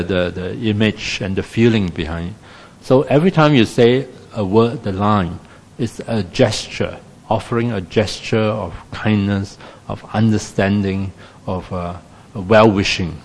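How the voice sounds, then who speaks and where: A man teaching loving-kindness meditation in a casual, gentle way, with many pauses and fillers and a self-deprecating humor. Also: lowish voice, vocal fry. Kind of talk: casual dharma talk. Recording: long hall reverb.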